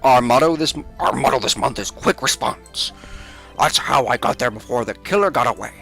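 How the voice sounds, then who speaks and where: A man voicing an eager, blustering male police detective in a video game, loud and saying "sir" over and over. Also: mid-range voice, moderate pace, vocal fry, soft background music.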